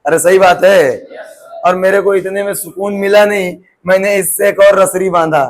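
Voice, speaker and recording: Male physics teacher, high voice, teasing classroom banter. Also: fairly even intonation, moderate pace. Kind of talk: joking classroom lecture.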